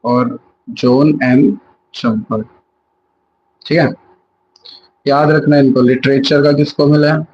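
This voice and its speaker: Slow-talking young man teaching exam facts. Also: a little high, level tone, highs cut off, slight background noise. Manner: slow, chatty, mixes English words into Hindi, self-correcting. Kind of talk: live revision lesson.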